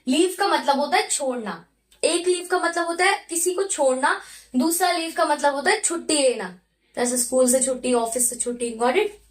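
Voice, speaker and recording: A young woman with a high voice teaches an English vocabulary lesson. She explains each word in Hindi mixed with English. Her throat is slightly sore.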